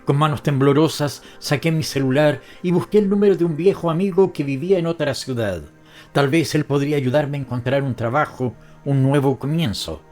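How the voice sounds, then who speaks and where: A man narrating a first-person audiobook story in a somber, measured way. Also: fairly high pitch, darkish tone, faint music behind.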